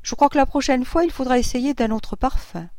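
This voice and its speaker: A woman voicing a genteel mother in a classic novel read aloud, speaking with light, gentle animation. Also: high-pitched, brisk, dry recording, studio quality, pitched above the performer's own voice. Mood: mild. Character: indulgent mother of a boy, genteel lady.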